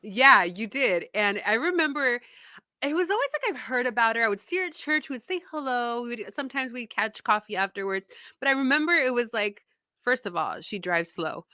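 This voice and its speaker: A woman in her thirties hosting a podcast, animated and laughing as she tells stories. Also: fairly high pitch, a little fast, dry recording, studio quality. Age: 30s. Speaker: podcast host and founder. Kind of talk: casual podcast chat.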